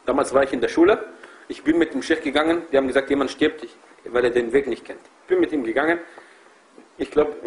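A man's voice: fairly high pitch, low-quality recording. A man preaching passionately to a group of brothers, emphatic and full of rhetorical questions. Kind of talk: impassioned religious talk.

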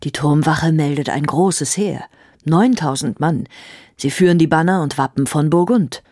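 A woman voicing a mild, doting king who speaks gently and courteously in an audiobook reading. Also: low voice, moderate pace, dry recording, studio quality. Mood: reporting. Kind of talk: audiobook character voice.

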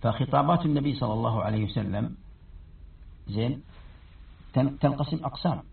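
A man gives a Quran commentary lesson, his voice deeply gravelly and his delivery rapid. He restarts phrases as he explains. The recording is tinny and distant, with a roomy echo around him. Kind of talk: classroom tafsir lesson.

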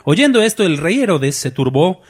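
A man preaching a sermon as pastor, lively, asking the congregation questions and acting out voices. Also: a little high, normal speed, breathy edge.

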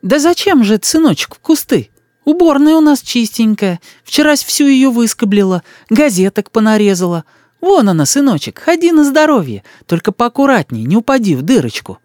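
A kindly old country woman, as a man puts her on, fussing in a lilting, folksy way. Her pitch is raised and moves a lot. The recording is dry and close. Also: big pitch swings, moderate pace, a little mellow, no room sound. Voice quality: soothing, sing-song folksy speech.

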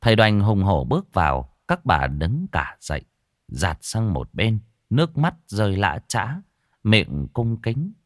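Folksy storyteller, low voice. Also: male voice, a little slow, dry recording, clean studio sound. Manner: lively, folksy, colloquial. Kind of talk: ghost story narration.

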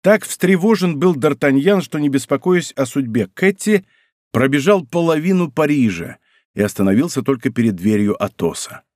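A man narrates a classic adventure novel in a studio audiobook. His delivery is dramatic and full of lively rises and falls. The sound is close and dry. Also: fairly high pitch, moderate pace, no room sound. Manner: expressive, dramatic reading. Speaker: audiobook reader.

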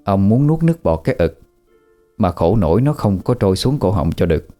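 A man narrating a horror story in a vivid, measured way. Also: deep voice, sing-song, warm tone, soft background music.

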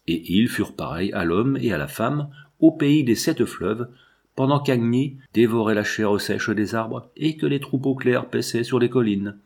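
A man narrating a novel aloud as an audiobook reader, in a measured, even way. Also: medium pitch, breathy edge.

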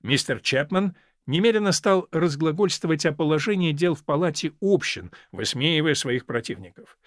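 Male audiobook narrator, expressive and measured; somewhat high, very dry recording. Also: dry recording. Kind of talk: audiobook reading of a classic novel.

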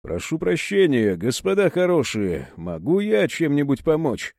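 A man voicing a calm, composed male plainclothes officer who speaks in a flat official tone. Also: a little high, a little slow, creaky, dry recording, studio quality, exaggerated voice. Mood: cool.

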